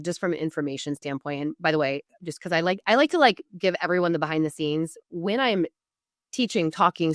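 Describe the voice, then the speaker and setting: This low-voiced woman from Oregon talks like an informal coach during a podcast interview, offering business tips with pointed asides and frequent self-interruptions. The sound is clean, studio-grade, and free of echo.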